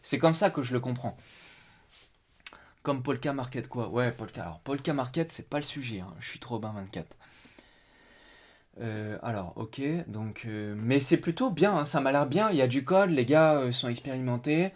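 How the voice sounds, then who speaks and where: A mid-pitched man chats casually on his live stream. He thinks aloud as he reads, trips over restarts and fillers, and stumbles through English words in his French speech. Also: animated, normal speed.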